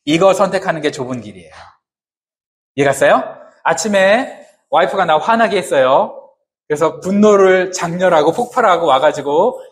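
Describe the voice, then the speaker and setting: A male pastor delivers a sermon in a slightly high voice. He keeps putting questions to the congregation and answering them himself, in casual, joking everyday words.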